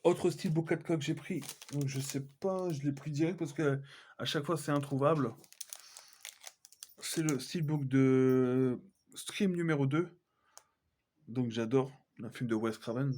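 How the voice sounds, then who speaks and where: A man's voice: mid-range voice, a little slow, a little mellow, a little hiss or hum. A man chatting casually as he shows his film collection, hesitant, with many fillers and self-corrections. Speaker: collector vlogger. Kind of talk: casual unboxing chat.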